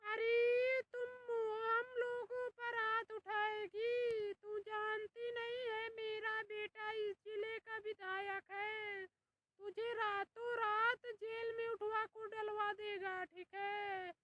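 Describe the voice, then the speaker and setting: A woman's voice: very high voice, level tone, dull audio, slight background noise. Woman doing a domineering mother-in-law. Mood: bossy. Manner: bossy, shouting orders, drawn-out calls.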